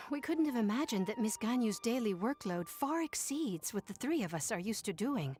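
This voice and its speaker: Woman doing tired clerk, polite, sighing, slightly high voice. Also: expressive, normal speed, a little mellow, faint music behind, close to an everyday voice. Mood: weary relief. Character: overworked young female clerk, weary.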